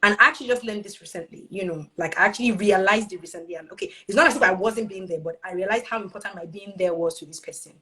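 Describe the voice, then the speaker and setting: An earnest woman shares her family story in a casual, heartfelt chat. Her voice sits at an ordinary middle pitch, and she tells the story expressively. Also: fast talker, few pauses, sharp tone, poor audio. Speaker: parent sharing her experience.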